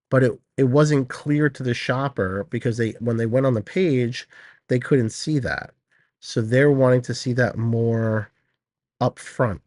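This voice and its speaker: A man's voice: fairly high pitch, no room sound, clean studio sound. A man hosting a casual screen-share product teardown, chatting straight to viewers while sick and a little out of breath. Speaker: host.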